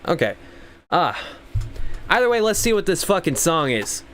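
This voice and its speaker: A man's voice: high-pitched, big pitch swings, brisk, fairly bright tone, faint music behind. A man hosting a livestream, talking in a crude, rambling, sarcastic way and sounding sleepy. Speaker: livestream host. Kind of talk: casual profane commentary.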